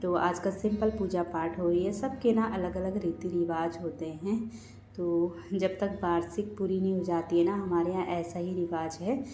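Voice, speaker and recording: A woman's voice: lowish voice, steady tone, moderate pace, mellow. A woman vlogger and mother giving a chatty, casual voice-over of her daily routine, often talking to viewers as friends. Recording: roomy echo with faint background music.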